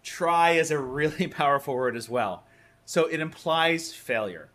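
A man's voice: a little high, animated, measured pace, a bit bright. Emphatic male hypnosis teacher. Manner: conversational, emphatic, repeats words. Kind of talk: course lecture.

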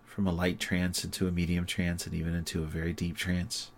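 Deep, flat-voiced male hypnotist. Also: gravelly, a little hiss or hum. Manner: slow, soothing and repetitive. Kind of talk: guided sleep hypnosis.

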